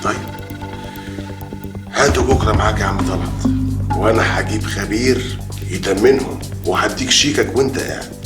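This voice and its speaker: Actor as a calm, menacing Egyptian boss. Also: male voice, lowish voice, normal speed, long pauses, close to an everyday voice. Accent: Egyptian Arabic. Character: cool Egyptian crime boss buying gold. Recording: roomy, music underneath.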